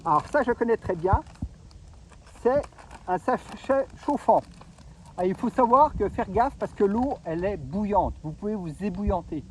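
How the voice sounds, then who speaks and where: High-voiced man reviewing a ration pack. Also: animated, normal speed, a little hiss or hum, low-quality recording. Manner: chatty, explains step by step, gives safety warnings. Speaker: gear reviewer. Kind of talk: casual ration unboxing review.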